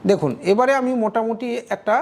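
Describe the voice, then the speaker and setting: A woman's voice: a little high, quick pace, darkish tone, a little hiss or hum. A woman narrating a step-by-step screen tutorial, instructive, often checking in with the viewer. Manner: instructive, keeps checking in with "okay?". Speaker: tutorial creator.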